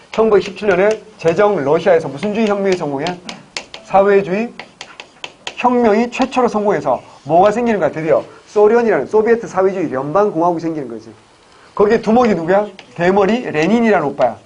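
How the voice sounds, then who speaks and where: A man teaching a history class for exam students, joking and firing quick questions at the class. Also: sits high, a little mellow, highs cut off, slight background noise. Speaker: civil service exam history lecturer. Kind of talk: classroom lecture.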